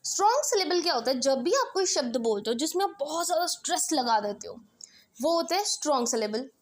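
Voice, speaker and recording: Lady teacher going over a lesson, pretty high voice, keeps checking in. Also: sing-song, fast. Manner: explanatory, repeats "ठीक है" checks, mixes Hindi and English. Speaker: English teacher. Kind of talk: casual revision lesson.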